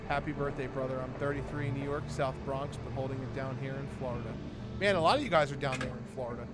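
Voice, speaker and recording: A man's voice: medium pitch, fast. A man in his twenties from New Jersey, co-hosting a live stream and reading viewer comments aloud with jokes and laughs. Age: 20s. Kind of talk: casual live-stream chat. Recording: game music loud under voice. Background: video game music.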